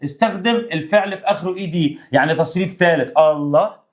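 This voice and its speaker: A man's voice: a little high, quick pace. A man teaching an English grammar revision lesson in Egyptian Arabic, playful and talking straight to his students. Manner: playful, talks to students directly.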